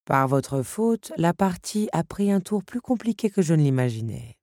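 A woman voicing a cruel, mocking countess in a storybook reading, speaking slowly and with disdain. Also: sits low, sing-song, warm tone, no echo, studio quality, full character voice. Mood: menacing. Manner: slow, menacing, disdainful. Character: cold cruel noblewoman countess, mocking villain.

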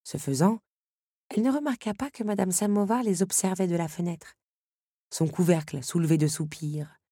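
A woman narrating an audiobook in a calm, even storytelling manner, with a husky voice. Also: lowish voice, normal speed, dry recording, studio quality.

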